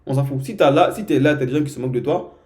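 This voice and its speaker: A man's voice: medium pitch, very fast, darkish tone. A young man from Guinea giving casual, informal advice to his viewers, often repeating himself and checking in with "ok?". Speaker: vlogger giving language tips. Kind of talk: casual direct-to-camera advice.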